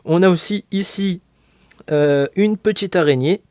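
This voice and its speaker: Guy doing a slow lego unboxing, lots of ums, dry close sound. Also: sits high, a little mellow, no echo. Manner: hesitant, many fillers, jokey. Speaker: LEGO reviewer. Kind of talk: casual unboxing commentary.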